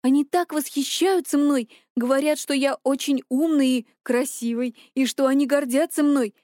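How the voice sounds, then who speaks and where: A woman's voice: high-pitched, steady tone, normal speed, warm tone, no echo, clean studio sound, lightly acted. A woman voicing a dazed teenage boy who speaks in a sluggish, bewildered way.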